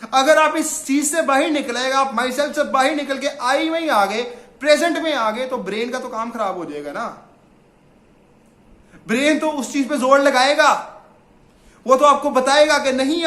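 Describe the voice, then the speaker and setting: A man's voice: very high voice, sharp tone, echoey room. A man giving a motivational self-help talk in Urdu, mixing in English phrases and guiding the listener through affirmations.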